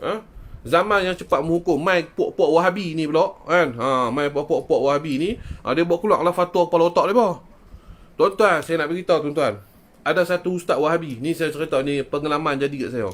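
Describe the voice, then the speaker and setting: Slightly high-voiced northern Malaysian man. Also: a little fast. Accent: northern Malaysian Malay (Kedah). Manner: rhetorical, keeps asking "kan?" and "ha?" and addressing listeners. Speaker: traditional Islamic healer. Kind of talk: live-stream talk to viewers.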